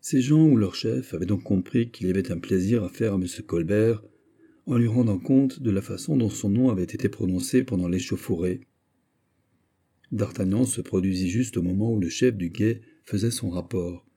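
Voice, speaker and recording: A man reads a classic novel aloud in a measured, even way. His voice is low and very dark. It has a husky grain and a mellow warmth. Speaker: audiobook narrator. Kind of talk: literary audiobook narration.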